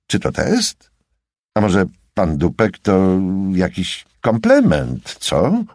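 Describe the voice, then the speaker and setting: A man's voice: low-pitched, wildly swooping pitch, takes it slowly, darkish tone, dry recording, studio quality, pitched above the performer's own voice, heavily acted. A man voicing a sleazy, pushy pickup man in a bar scene of an audiobook, smug and leering.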